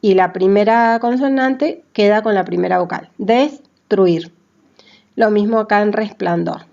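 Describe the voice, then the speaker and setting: A woman teaching a grammar lesson at a slow, measured pace. She breaks words into letters and syllables and often checks that her listeners follow. The recording sounds dull and a little lo-fi. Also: medium pitch, creaky, a little mellow. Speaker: language teacher. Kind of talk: classroom grammar explanation.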